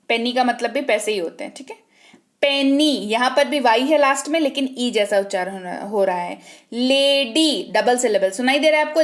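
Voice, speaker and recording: A woman teaching English spelling rules, patiently spelling words out letter by letter and asking herself questions before answering them. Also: a little high. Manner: patient, asks and answers her own questions. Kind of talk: spelling lesson in Hindi.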